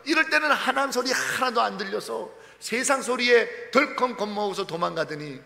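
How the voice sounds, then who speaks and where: A male pastor preaching a sermon dramatically, acting out quoted voices and swinging between loud cries and soft, hushed words. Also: very high-pitched, expressive, moderate pace, creaky. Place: church sanctuary. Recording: long reverb of a church hall.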